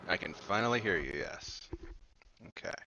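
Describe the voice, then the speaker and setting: A man's voice: deep voice, expressive, normal speed, gravelly, sharp tone, breathy edge, dry recording, muffled recording. A man on a choppy voice call that keeps cutting out, chatting casually while fiddling with his setup. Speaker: friend on a voice call. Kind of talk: casual chat.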